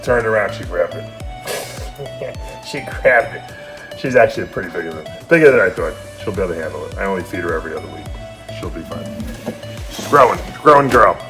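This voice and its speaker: A man who breeds snakes, talking casually through a feeding vlog and sometimes dropping to a hushed voice. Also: on the low side. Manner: chatty, drops to a hush. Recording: background music.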